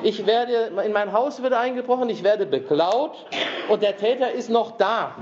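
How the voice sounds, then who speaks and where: A man's voice: sits high, moderate pace, lo-fi sound, a crowd in the background. A man lecturing on therapy and coaching, reading a fairy tale aloud and breaking off to interpret it, with frequent tag questions.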